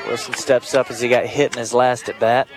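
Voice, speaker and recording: Even-toned man doing baseball color commentary. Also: medium pitch, a little fast, background noise. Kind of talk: live sports commentary, analysing plays. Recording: outdoor ballpark, crowd and music behind. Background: ballpark crowd and music.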